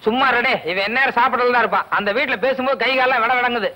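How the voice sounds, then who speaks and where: A man acting in a comedy film scene, talking in a melodramatic, wailing manner. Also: racing. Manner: high, bright, melodramatic wailing.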